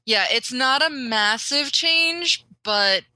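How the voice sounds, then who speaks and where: A woman co-hosting a podcast, chatting casually in an unhurried, thoughtful way. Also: high-pitched, animated, bright, forceful tone, no room sound. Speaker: podcast co-host. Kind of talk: casual chat.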